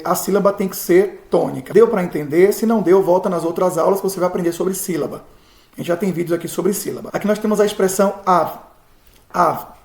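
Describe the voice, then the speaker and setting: A man, a pastor teaching Biblical Hebrew in a recorded lesson, patient, repeating words slowly and checking in often with his students. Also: high voice, gravelly. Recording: echoey room.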